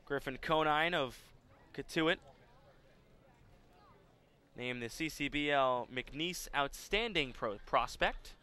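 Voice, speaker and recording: A man gives live baseball play-by-play. His voice sits a little high, with a bright edge and a smooth, resonant clarity. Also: takes it slowly, long pauses. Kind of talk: live sports commentary.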